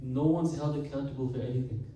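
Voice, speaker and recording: Recorded from afar with a faint hiss, a Sikh preacher from Canada delivers katha as his words echo heavily through a large hall. His mid-range voice is dark, mellow and steady. Earnest throughout, he calls out to the congregation often and slows down for emphasis.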